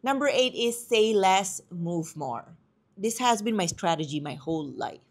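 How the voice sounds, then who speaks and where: A woman hosting her podcast, chatty and animated, switching between Tagalog and English as she tells stories. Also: mid-range voice, moderate pace. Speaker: podcast host. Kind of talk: casual podcast monologue.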